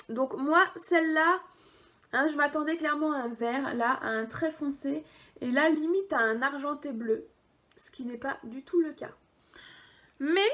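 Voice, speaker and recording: High-voiced chatty woman vlogger. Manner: chatty, hesitant, drops into quiet asides. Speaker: beauty vlogger. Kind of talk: casual makeup haul video.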